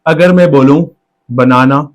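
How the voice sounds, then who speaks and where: A man teaches an exam-prep lesson, his voice sitting a little higher than most men's. He explains step by step, sounding out each word slowly into its syllables and checking in with the listener after nearly every line. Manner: explains step by step, breaks words into sounds slowly, repeats "theek hai". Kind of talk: classroom-style lecture.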